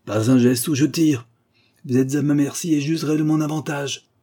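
A man voicing a menacing masked male avenger, hoarse, hissing and imperious as he makes his threats. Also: lowish voice, normal speed, warm tone. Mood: commanding.

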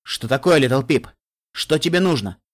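A man's voice: medium pitch, lively intonation, moderate pace, lightly acted. Wounded young male dragon, alarmed and pleading, read by a man. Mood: distraught. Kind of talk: fan audiobook reading.

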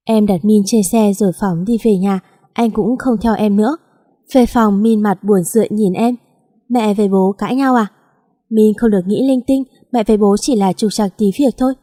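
A woman narrating a first-person audio story in a steady, plain storytelling read. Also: mid-range voice, normal speed.

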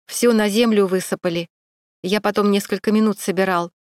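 Женщина читает спокойного оператора-мужчину. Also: female voice, mid-range voice, fairly even intonation, a little fast, a little mellow, no echo, clean studio sound, natural voice. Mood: calm. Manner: soothing, matter-of-fact. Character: male cameraman, calm and reassuring.

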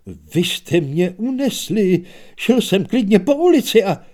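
Narrator doing a scared young minstrel, pitched up and loud, flustered and indignant. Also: male voice, very animated. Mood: frightened. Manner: panicky, indignant. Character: frightened kidnapped male minstrel, flustered.

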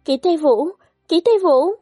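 A woman voicing a tender, devoted young noblewoman who speaks softly and gently, in a storybook reading. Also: high-pitched, normal speed, no room sound, clean studio sound, faint music behind, pitched above the performer's own voice, close to an everyday voice. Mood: desperate. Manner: soft and gentle, turning to pleading cries.

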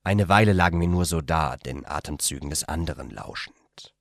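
A man reading a story aloud in a plain, unpolished way, breaking off for quick asides. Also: extremely low pitch, vocal fry, fairly bright tone, no echo.

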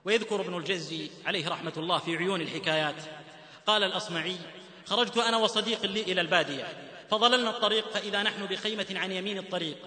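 A man's voice: sits high, very fast, pushed and bright. A man from the Hijaz in Saudi Arabia preaching a sermon-style lecture, telling stories fervently and slipping into a chanted lilt. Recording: echoey hall reverb.

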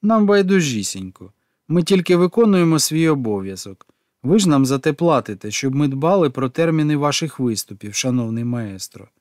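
A sharp, impatient woman manager cuts in with sarcasm, put on by a man reading an audiobook. She is brisk and cold. The recording is dry and close. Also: mid-range voice, big pitch swings, no room sound, lightly acted. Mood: curt. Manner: cutting, sarcastic.

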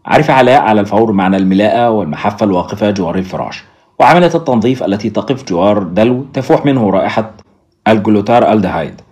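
A man reads a story aloud as a narrator, speaking straight to his listeners. His voice is low and he reads briskly. The delivery is scripted audiobook narration. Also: animated, darkish tone.

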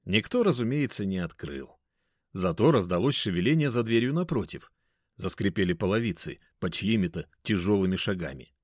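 Low-voiced guy reading a story, bouncy intonation, dry close sound. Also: lively intonation, normal speed, dry recording. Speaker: narrator. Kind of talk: first-person audiobook narration.

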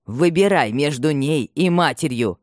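Мужчина-чтец озвучивает гордую непреклонную пожилую мать, говорящую холодно и повелительно. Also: male voice, fairly high pitch, expressive, unhurried, no echo, studio quality. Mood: stern. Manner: cold, imperious. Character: proud stern elderly mother, unbending.

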